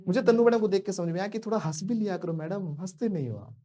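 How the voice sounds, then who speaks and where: Playful, fairly high-voiced male teacher. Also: expressive, fast talker, warm tone. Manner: playful and joking, calls on students by name, prompts repetition. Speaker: spoken English teacher. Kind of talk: live classroom teaching, mixing Hindi and English drills.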